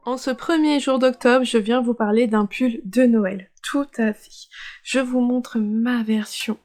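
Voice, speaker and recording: Woman, podcast host, casual enthusiastic chat with hesitations, a touch high-pitched. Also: steady tone, a little slow, a little mellow, faint music behind. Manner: chatty, enthusiastic, with frequent hesitations. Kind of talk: casual show-and-tell chat.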